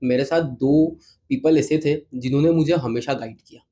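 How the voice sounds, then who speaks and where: A man with an Indian accent, an entrepreneur from Indore, is interviewed as a guest. His voice is medium-pitched and mellow at a normal speed, with slight background noise. He gives polite, explanatory, conversational answers in a mix of Hindi and English.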